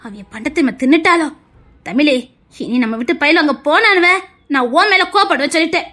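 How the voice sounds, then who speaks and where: A woman's voice: high-pitched, animated, a little fast, fairly bright tone. A woman playing a doting but fierce mother figure with a Tirunelveli Tamil accent. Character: doting, angry aunt-mother.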